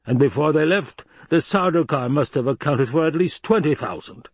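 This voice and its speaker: A man's voice: mid-range voice, lively intonation, normal speed, a little mellow, slightly rough, dry recording, pitched above the performer's own voice. A man voicing a fat, scheming baron in an audiobook, pompous, blustering and petulant. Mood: blustering, scornful. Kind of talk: dramatized audiobook reading.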